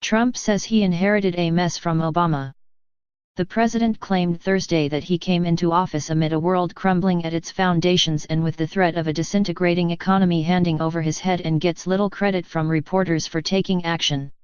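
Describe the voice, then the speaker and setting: Low, smooth woman reading the news. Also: steady tone, fairly quick, a little mellow, no room sound, muffled recording. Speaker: news narrator. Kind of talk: scripted news narration.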